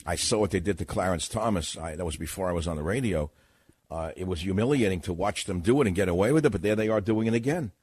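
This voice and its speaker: A man hosting a talk radio show, giving a sarcastic, indignant monologue that swings from muttering to loud outbursts in a studio. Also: low voice, fast talker, breathy edge, dry recording. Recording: dry studio mic.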